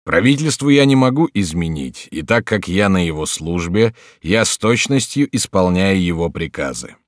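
A man's voice: sits low, moderate pace, no room sound. A man reading the part of a polite, composed French officer who answers with dry irony. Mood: composed, courteous. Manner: calm, courteous, dryly ironic.

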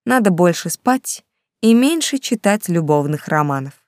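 A woman narrating a novel as an audiobook in a calm, even storytelling manner. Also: on the low side, normal speed, dry recording, studio quality.

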